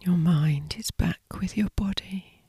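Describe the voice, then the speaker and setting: A woman narrating a scripted sleep story as a guided meditation, in a breathy, hushed, soothing whisper. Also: fairly low pitch, measured pace, dry recording, clean studio sound.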